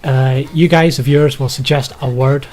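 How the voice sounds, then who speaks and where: A man's voice: medium pitch, fairly even intonation, normal speed, a little mellow. A young man co-hosting a podcast, explaining things in casual chat with a hesitant delivery full of ums, from a small home studio. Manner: hesitant, lots of ums and likes. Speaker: podcast co-host.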